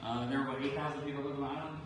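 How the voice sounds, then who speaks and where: A man's voice: mid-range voice, steady tone, very fast. A man hosting a live storm stream, talking casually as he gives commentary on the conditions. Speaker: storm chaser livestream host. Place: on location on a Caribbean island before hurricane. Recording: distant mic, echoey, noisy ambience. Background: clear outdoor ambient noise.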